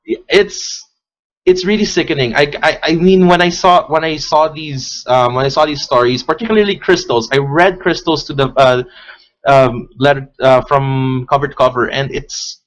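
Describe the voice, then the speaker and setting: A man as a podcast guest, speaking earnestly and haltingly, with many restarts. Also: fairly high pitch, rough recording. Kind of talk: casual chat.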